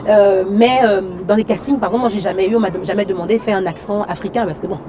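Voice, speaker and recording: A woman from Cameroon, an actress and singer, chatting as an interview guest in a lively way, full of fillers and "you see". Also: mid-range voice, fast talker, a crowd in the background. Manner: lively, frequent fillers and "tu vois". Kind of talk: casual interview chat.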